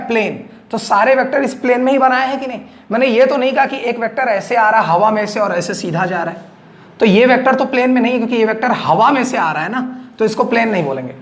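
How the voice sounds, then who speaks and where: Male teacher at a classroom board; patient, dictates definitions slowly and keeps checking that students follow. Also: high voice. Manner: explains slowly, asks checking questions, dictates definitions word by word. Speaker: physics teacher. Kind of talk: classroom lecture at a whiteboard.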